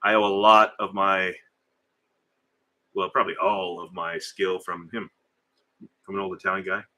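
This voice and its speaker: Chatting live with viewers and reading their comments, this middle-aged livestream host rambles conversationally, hesitating with fillers and restarting his sentences. He speaks at normal speed with little pitch movement, in a deep, low voice that still comes across bright and forceful.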